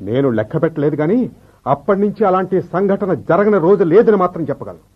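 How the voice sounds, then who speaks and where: An actor playing a bitter, reproachful husband in an old radio show, speaking slowly and reflectively, with the dull sound of a vintage radio broadcast. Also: male voice, sits high, expressive, breathy edge. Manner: slow, reproachful, reflective speech. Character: bitter middle-aged husband, a clerk left behind. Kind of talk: 1970s radio drama acting.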